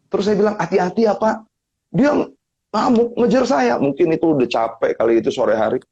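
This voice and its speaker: A man giving a casual motivational talk as a guest, his voice somewhat husky. He tells stories animatedly and voices other people with sharp jumps upward in pitch. The stream audio is dull and lo-fi. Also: a little fast. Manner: animated storytelling, acting out others' lines with big pitch jumps. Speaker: guest speaker on family topics. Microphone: live-stream mic.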